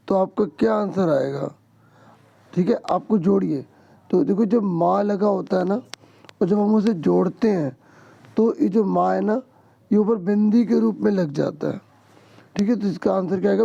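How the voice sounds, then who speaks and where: A hoarse man teaching an exam-prep lesson to students, explaining step by step and checking in often. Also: high-pitched, warm tone, muffled recording. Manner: explains step by step, keeps asking "ठीक है". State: hoarse, sore throat.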